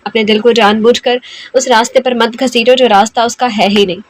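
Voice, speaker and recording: A woman's voice: on the high side, fairly even intonation, a little fast, close to an everyday voice. A woman voicing a frank, kind young man, heartbroken himself, who consoles a girl earnestly. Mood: consoling.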